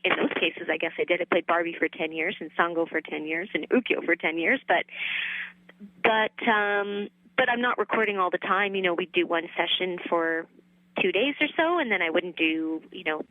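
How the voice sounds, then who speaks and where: A woman voice actress in her thirties, chatting easily as an interview guest, with relaxed fillers and a light, laughing manner. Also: on the low side, moderate pace, no echo, narrow, tinny audio. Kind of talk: casual interview chat.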